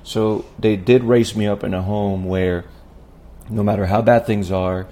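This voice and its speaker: A man's voice: fairly low pitch, fairly even intonation, unhurried, warm tone. A man, a preacher and podcast guest, telling his family story in an earnest, reflective way, often adding "right?". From Puerto Rico. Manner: earnest, with tag questions like "right?". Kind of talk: reflective personal storytelling in an interview.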